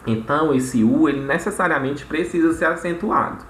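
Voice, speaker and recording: A man's voice: fairly high pitch, normal speed, fairly bright tone. A man teaching a recorded grammar lesson, explaining step by step and checking in with frequent tag questions. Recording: echoey room with faint noise.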